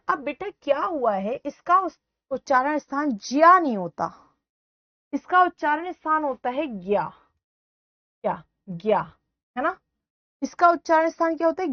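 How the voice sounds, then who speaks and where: Woman teacher running a live online class, loud and drilling, close dry mic with lo-fi sound. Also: sits high, dry recording. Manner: repeats questions and answers to students, calls them beta; loud speaker. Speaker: Hindi grammar teacher.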